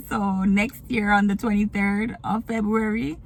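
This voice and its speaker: Speaking slowly in a medium pitch, a Kingston-raised Jamaican woman gives a casual get-to-know-me chat to her viewers from her car, with slight background noise. She vlogs and runs a small business, laughing frequently and slipping into patois.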